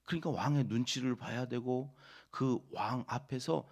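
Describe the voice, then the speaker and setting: A middle-aged man preaching a dawn service sermon, swinging from low murmurs to loud emphatic cries and acting out voices in the story. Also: normal speed. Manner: acts out voices of God and the prophet. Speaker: pastor. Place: church sanctuary.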